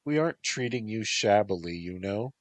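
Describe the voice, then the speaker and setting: A man voicing a teasing, sharp-tongued young woman who pouts when she doesn't get her way, read as a storybook. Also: fairly low pitch, lively intonation, normal speed, dry recording, pitched above the performer's own voice, natural voice. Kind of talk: storybook narration.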